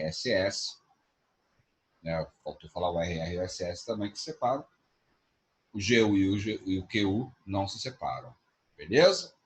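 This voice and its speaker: A man with a Brazilian Portuguese accent, teaching a class and explaining each point with frequent tag questions. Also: lowish voice. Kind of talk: online class lecture.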